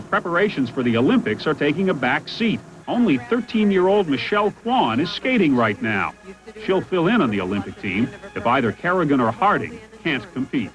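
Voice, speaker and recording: A man's voice: on the high side, sing-song, moderate pace, soft background music, rough recording. A man narrating a scripted television news report as a correspondent.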